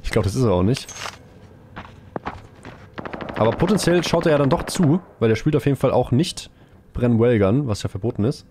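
A young man streaming a shooter game live, chatting casually with viewers in a slangy, excitable way, with gunfire from the game behind him. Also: mid-range voice, moderate pace, pauses often, slight background noise.

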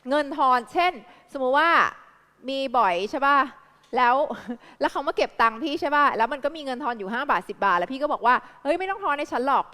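A Thai woman tutoring a live class in English vocabulary, with a Thai accent, firing quick repeated questions at her students. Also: high voice, sharp tone, big-room sound. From Thailand.

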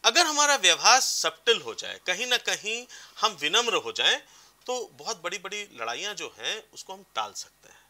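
A man's voice: high-pitched, big pitch swings, normal speed, sharp tone. A man giving advice as a career counselor on a TV talk show, explaining with examples. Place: TV studio.

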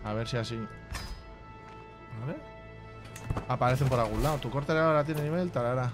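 A man's voice: mid-range voice, fairly quick, music in the background. A man giving casual, profanity-laced commentary while playing a strategy game. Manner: chatty, swears freely, reads game text aloud. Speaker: gaming youtuber. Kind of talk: casual let's play commentary.

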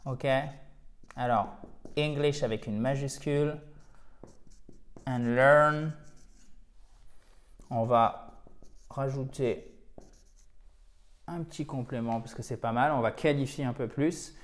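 Guy teaching english, slow and careful, says the tricky words over and over. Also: mid-range voice. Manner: thinks aloud, repeats English words slowly to drill stress. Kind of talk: correcting a viewer's email on video.

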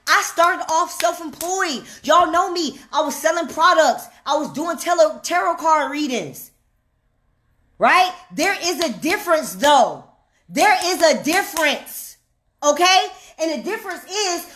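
Fired-up woman, very high voice, preachy. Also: fairly bright tone. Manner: emphatic and preachy, repeats lines slowly, calls out "hello?". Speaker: online money coach. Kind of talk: fired-up direct-to-camera rant.

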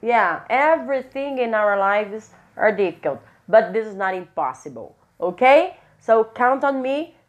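Brazilian woman teaching English slowly. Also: a little high, very animated, narrow, tinny audio. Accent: Brazilian Portuguese. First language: Portuguese. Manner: mixes Portuguese and English, repeats English examples slowly; ends phrases with a checking "ok?". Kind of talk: online English lesson.

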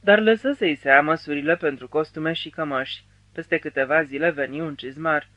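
A man narrating an audiobook in a measured storytelling manner. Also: a little high, fairly bright tone, no echo, highs cut off. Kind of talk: scripted narration.

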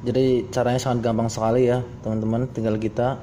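A man giving a casual, halting, step-by-step phone app tutorial as host. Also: little pitch movement, dark tone. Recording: noisy amateur phone recording, vehicle-like rumble.

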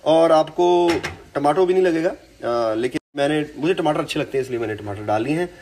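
A young man hosting a casual cooking vlog, slightly hoarse, chatty and joking, mixing English words into his talk. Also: a little high, animated, fairly quick, darkish tone, slight background noise. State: slightly hoarse from singing practice. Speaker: cooking vlogger.

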